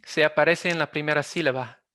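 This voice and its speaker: A man giving an academic presentation over a video call, speaking in a halting way and often stopping to search for words. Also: on the high side, steady tone, pushed and bright, dry recording, studio quality. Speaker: linguistics presenter.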